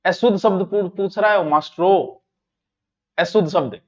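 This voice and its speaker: A male teacher with a Rajasthani accent, running a lively exam-prep spelling class and teasing his students in local dialect. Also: high voice, moderate pace, highs cut off.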